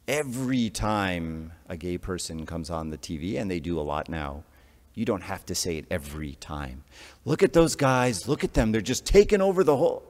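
A man, an archdeacon, preaching a conversational sermon to a congregation, often checking in with "right?". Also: sits low. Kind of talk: sermon to a parish audience. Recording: long hall reverb.

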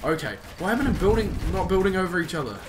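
A young man hosting a gaming video with excited, sweary, exclamatory casual commentary on his play. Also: high-pitched, fast, noisy background. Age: young adult. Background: loud music.

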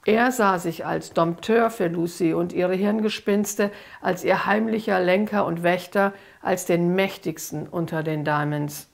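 A woman, an author, reading her own dark story aloud in a slow, dramatic storytelling manner. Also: mid-range voice, vocal fry. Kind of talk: audiobook-style reading.

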